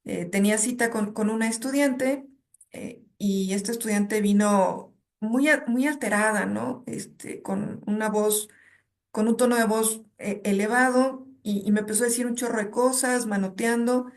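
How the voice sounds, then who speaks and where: A woman's voice: a little high, normal speed. A woman, a guest academic who speaks in a reflective, conversational way and illustrates her points with personal anecdotes. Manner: reflective, tells stories and checks in with '¿no?'.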